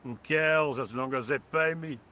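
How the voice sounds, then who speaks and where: A man's voice: mid-range voice, normal speed, bright, forceful tone, lightly acted. A man playing a lazy French painter. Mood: indifferent. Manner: dry, indifferent, drawling. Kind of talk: video game voice acting.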